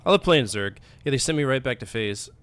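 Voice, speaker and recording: A man's voice: medium pitch, expressive, fairly quick, fairly bright tone, smooth. Casual man commentating over a game. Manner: informal, profane. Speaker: game streamer. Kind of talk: casual gameplay commentary and chat.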